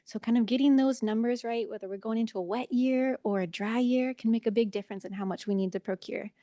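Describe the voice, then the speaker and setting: Woman, nervous presenter, higher-pitched, mellow tone, close dry sound, conference talk. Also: fairly even intonation, fast, no echo. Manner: nervous, self-conscious first-time presenter.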